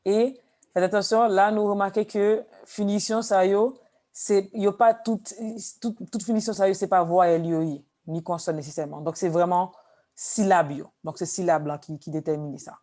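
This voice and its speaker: A woman teaching a language class, explaining slowly with repeated examples. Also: mid-range voice, fairly even intonation, dark tone. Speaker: Haitian Creole teacher.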